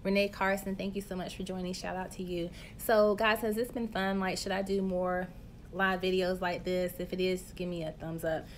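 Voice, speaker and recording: A woman's voice: lowish voice, little pitch movement, moderate pace, a little hiss or hum. A woman hosting a casual live stream on her phone, chatty and playful, reading viewer comments and talking straight to her audience. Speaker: host of a live stream, health coach.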